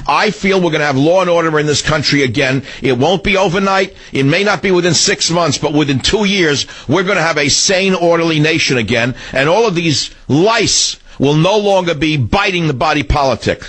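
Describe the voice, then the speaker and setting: Husky male radio host, combative, sneering, studio mic. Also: on the high side, normal speed, hardly any pauses, fairly bright tone. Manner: combative, sneering, rants in bursts. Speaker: radio talk show host. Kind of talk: political talk radio.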